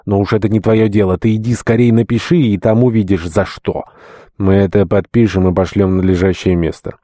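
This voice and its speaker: A man voicing a brash, bullying man in an audiobook reading, with a loud, domineering bark. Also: lowish voice, little pitch movement, brisk, no echo, clean studio sound, lightly acted.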